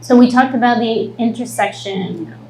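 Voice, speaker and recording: A woman co-hosting a live podcast, asking measured, prompting questions of the host. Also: a little high, darkish tone. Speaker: guest co-host. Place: live event venue with audience. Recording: roomy venue sound with faint hum.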